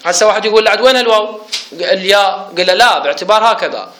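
Bright high-voiced teacher, echoey room. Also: male voice, fast talker. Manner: explanatory, quizzes his students. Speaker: teacher of Arabic grammar. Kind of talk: classroom lecture. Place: classroom with students.

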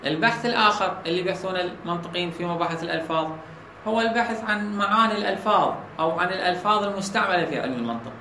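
A man with an Iraqi Arabic accent teaching a logic lesson, often asking his students whether the point is clear. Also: high voice, sharp tone, a little hiss or hum. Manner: asks students checking questions. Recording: echoey room with faint ambience.

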